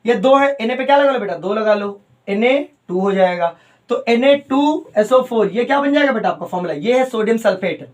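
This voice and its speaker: A man with a fairly high voice, teaching chemistry to coaching students. He talks to them fondly as "beta" and drags out key terms syllable by syllable so they can note them down. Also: lively intonation. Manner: calls students "beta", repeats terms slowly, mixes English phrases.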